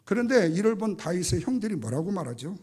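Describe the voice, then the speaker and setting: Man, pastor, Sunday sermon, high voice, lively swinging delivery, dramatic. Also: fast talker, slightly rough. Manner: dramatic, acts out biblical quotes in voices. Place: church sanctuary.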